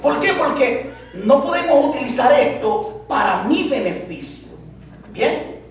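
A man's voice: very high-pitched, big pitch swings, measured pace, a little hiss or hum. A male pastor preaching a sermon, telling a story with laughs and asides to the congregation. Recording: echoey church hall, distant mic.

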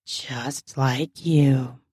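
A woman voicing a grown man, an eager and flirtatious husband, in a low, slow, seductive murmur during a read-aloud erotic story. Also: steady tone, a little mellow, slightly rough, no room sound, studio quality, exaggerated voice. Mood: flirty.

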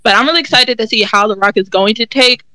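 Woman, casual talk, eager and filler-heavy, bright tone, dry sound. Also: fairly high pitch, fast, no echo. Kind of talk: casual group chat.

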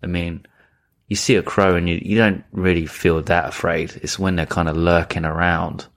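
A man in casual conversation, relaxed and chatty as he trades stories with a friend. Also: low voice, normal speed. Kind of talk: casual chat.

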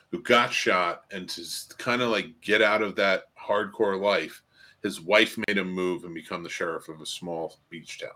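A middle-aged man on a film podcast panel talks casually about movies in a voice on the low side with a sharp tone. He rants in exasperation and swears freely throughout this profane film chat.

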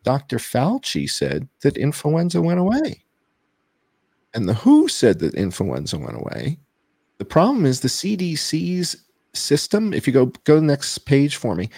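A man's voice: medium pitch, vocal fry, darkish tone, slightly rough, no room sound, clean studio sound. A man speaking over a video call as an interview guest, walking through data slides and repeating his main points for emphasis. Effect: heard over a video call. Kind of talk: explanatory interview talk.

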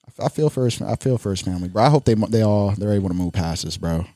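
A man's voice: lowish voice, quick pace, warm tone, no echo. A man co-hosting a casual sports podcast, talking in slangy bro speak with frequent swearing. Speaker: podcast co-host.

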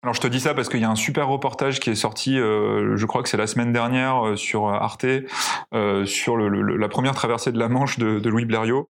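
A man's voice: mid-range voice, steady tone, brisk. A male pilot telling flight anecdotes in a casual interview, hesitant with many fillers and restarts. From France. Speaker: pilot guest.

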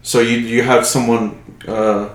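A young man in a casual podcast chat, relaxed, asking questions and swearing offhandedly. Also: mid-range voice, measured pace. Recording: echoey room.

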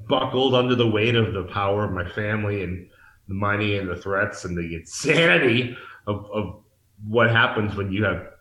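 A Massachusetts man in his forties, his voice on the low side and fairly bright, is an interview guest candidly telling his life story. Earnest and searching, he often restarts sentences, and he's recorded in an echoey room in Mexico.

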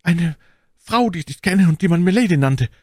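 A man's voice: sits high, expressive, normal speed, no echo, clean studio sound, pitched above the performer's own voice. A man reading an audiobook, voicing a terrified, wounded male soldier who begs for his life. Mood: frightened. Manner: pleading, frightened.

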